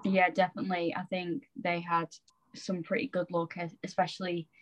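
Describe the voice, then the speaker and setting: A woman chatting on a podcast in a somewhat low voice. Her manner is relaxed and agreeable, and she often hedges her points as she talks. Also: normal speed, a little hiss or hum, low-quality recording. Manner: easygoing, agreeable, uses fillers like "I reckon". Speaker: podcast co-host. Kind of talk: casual chat.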